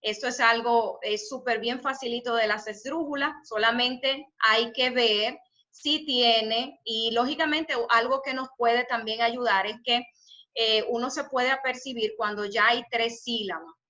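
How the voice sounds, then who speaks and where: A woman's voice: fairly high pitch, fairly even intonation, a little slow, pushed and bright. A woman teaching a spelling class live over a video call, encouraging and praising her students' answers. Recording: dull lo-fi video call audio.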